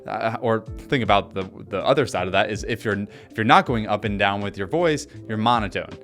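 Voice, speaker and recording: A man giving an energetic instructional talk to camera, coaching people on speaking, deliberately shifting his speed and pitch for emphasis. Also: soft background music. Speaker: presenter teaching on-camera speaking.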